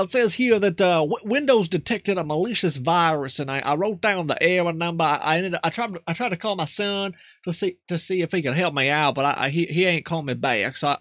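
A man's voice: fairly high pitch, fairly bright tone, no echo, studio quality, close to an everyday voice. A man voicing a flustered, rambling rural old man who stammers and repeats himself in a comedy prank call.

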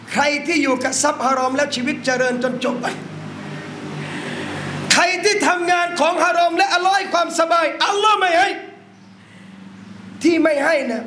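A man preaching an Islamic sermon to a gathering in a noodle shop, impassioned and often breaking into shouts while calling his listeners brothers and sisters. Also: extremely high pitch, a little hiss or hum. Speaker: Islamic religious teacher. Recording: echoey room.

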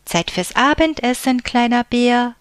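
A woman voicing a big, caring grown bear in a storybook, calling out loudly and indulgently. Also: on the low side, slow, dry recording. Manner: loud calling, warmly indulgent.

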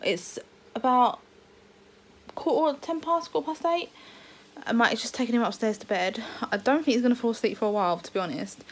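A woman's voice: fairly high pitch, fairly quick. A pregnant woman, chatting casually to camera in a family vlog, hesitant and full of ums. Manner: rambling, hesitant, lots of ums. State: heavily pregnant, uncomfortable. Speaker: vlogger. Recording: faint background noise.

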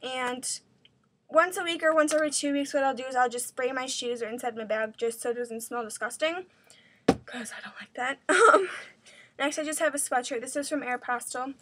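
A woman's voice: high-pitched, a little fast, background noise. A teenage girl chatting casually in a home video, rambling with lots of fillers, a little out of breath. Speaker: vlogger. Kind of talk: casual vlog showing her dance bag.

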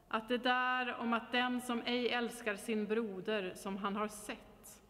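Female reader, solemn measured liturgical reading, long cathedral reverb. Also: medium pitch, fairly bright tone. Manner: slow, measured declamation. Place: large stone cathedral.

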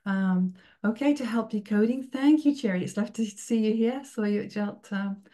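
Speaking at a moderate pace in a mellow, medium-pitched voice, a middle-aged woman with a British accent, from the United Kingdom, leads an online teachers' workshop. Her tone is warm and encouraging, and she frequently asks "okay?" to check in. The audio comes through a video call.

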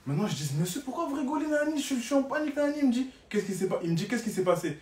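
A young man telling a story on a live stream in an animated, dramatic way, repeating phrases for emphasis. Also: extremely high pitch, very fast. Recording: roomy, distant from the mic.

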